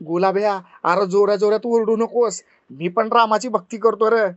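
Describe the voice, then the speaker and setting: A good-natured old grandfather ghost who teases in folksy village speech, voiced by a man in a fairly high register. The sound is dry and a little dull, recorded close. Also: fairly even intonation, normal speed, no room sound, close to an everyday voice. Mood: gentle teasing. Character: kindly old male grandfather ghost, teasing.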